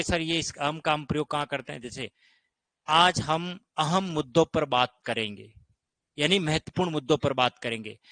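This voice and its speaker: A man's voice: on the high side, pushed and bright, no echo. A man teaching grammar in an online exam-prep lesson, explaining patiently and often checking that students follow. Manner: explains patiently, keeps asking "ठीक है?".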